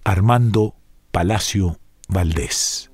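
A man reading a short story aloud in a measured, expressive way. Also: low-pitched. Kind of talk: scripted story narration.

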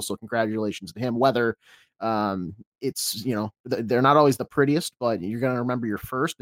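Dry-recorded American man, halting sports analysis. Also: medium pitch, fairly bright tone, no room sound. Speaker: sports podcast panelist.

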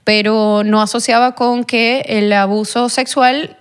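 A young adult woman, a podcast guest who tells a personal story in an earnest, halting way, full of fillers and restarts. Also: fairly high pitch, steady tone, smooth. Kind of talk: personal testimony in a podcast interview.

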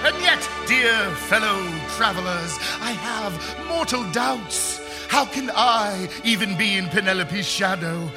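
A man's voice: very high voice, heavily acted. A man playing a pompous lovesick poet. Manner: grandiose, theatrical declaiming with swoops into song. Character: pompous lovesick male poet, florid and vain. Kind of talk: live stage comedy performance.

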